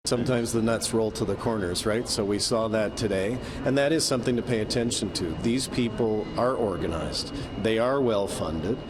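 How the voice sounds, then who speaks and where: A man giving a measured statement to the press. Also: lowish voice. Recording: noisy outdoor audio.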